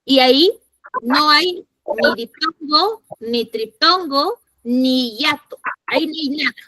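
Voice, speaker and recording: Woman teacher, high and bright voice, patient, repeats herself, keeps checking the class understands. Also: dry recording, rough recording. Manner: patient, repeats points and asks rhetorical check questions; voices imagined student objections. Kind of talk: classroom grammar lesson.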